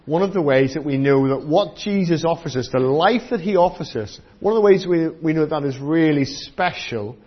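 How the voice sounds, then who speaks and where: Speaking on the high side with the upper frequencies cut off, a British man leads a children's sermon in church. Like a children's presenter, he teaches by asking the listeners simple questions.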